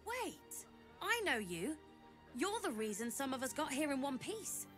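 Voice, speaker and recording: A woman's voice: high-pitched, big pitch swings, unhurried, fairly bright tone, faint music behind, exaggerated voice. A woman playing a sly young street-urchin girl in a video game, with brash, wheedling sales patter. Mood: sly, friendly.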